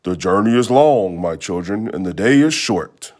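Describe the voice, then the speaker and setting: A man voicing a cunning old storybook wolf who pretends to be a kindly grandmother and coaxes in drawn-out words. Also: low-pitched, expressive, a little mellow. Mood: coaxing, sly.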